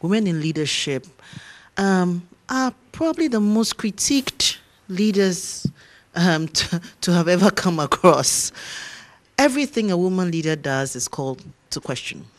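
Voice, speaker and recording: A man with a somewhat raised voice hosts an interview. He sets up each topic with a short framing remark, then asks his question in a measured way. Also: high-pitched, expressive. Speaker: talk show host.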